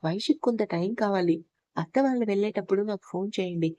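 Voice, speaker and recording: A woman voicing a sad, guarded young bride who gives quiet, curt replies. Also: medium pitch, quick pace, dry recording, dull audio, lightly acted. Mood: subdued.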